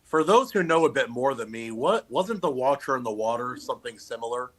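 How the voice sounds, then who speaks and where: A man's voice: medium pitch, lively intonation, fairly quick, no room sound. A man in a casual group discussion who speaks hesitantly and often restarts his sentences. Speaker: panelist.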